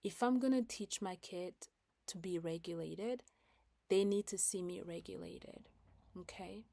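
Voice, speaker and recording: A woman's voice: on the low side, a little slow, vocal fry, warm tone, no room sound. A woman in her thirties speaking casually about parenting, with many fillers and acted-out quotes. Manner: conversational with fillers, acts out quoted lines. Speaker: parenting educator. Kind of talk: casual talk.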